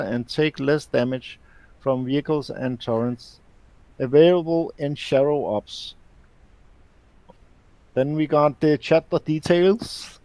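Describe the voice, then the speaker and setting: A man hosting a live show, reading game release notes aloud in a halting way with many fillers and restarts. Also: on the high side, warm tone, no echo, rough recording.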